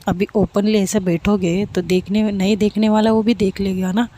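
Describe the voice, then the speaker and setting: A woman's voice: mid-range voice, flat delivery, moderate pace, warm tone, natural voice. A woman voicing a bold young woman who meddles in strangers' quarrels and speaks her mind. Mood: feisty. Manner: feisty, outspoken.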